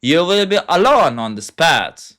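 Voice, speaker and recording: A young man with a Turkish accent delivers a heated, profane rant in broken English. His voice sits high and swings widely in pitch, with a bright, sharp edge. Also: very animated, a little slow. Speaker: self-styled philosopher. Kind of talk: ranting monologue.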